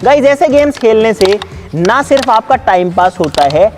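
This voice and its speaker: A man with a strikingly high voice who chats and pitches to viewers with upbeat energy. His tone is persuasive and quick to encourage. Music runs in the background. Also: animated. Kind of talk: casual chat and promo talk.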